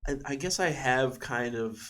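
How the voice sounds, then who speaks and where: A man's voice: medium pitch, moderate pace, fairly bright tone. A man from the Ozarks, a guest actor and improviser, chatting casually on a podcast, rambling and self-mocking with many restarts.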